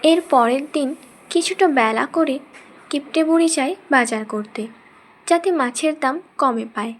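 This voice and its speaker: A woman narrating a cartoon folk tale with a high, light voice. Her delivery is plain and even, moving the story along scene by scene. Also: unhurried.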